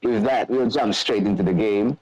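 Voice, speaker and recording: A man's voice: fairly low pitch, moderate pace, darkish tone, muffled recording. A man running a tabletop game online as game master, calling out rolls and turns in a matter-of-fact way.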